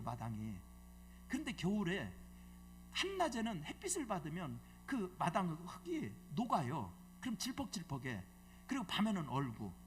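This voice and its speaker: A man's voice: high-pitched, a little hiss or hum. A middle-aged man preaching a revival sermon in a church, telling a story in a colloquial, joking way and quizzing the congregation with questions. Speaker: guest preacher, bishop. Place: church sanctuary.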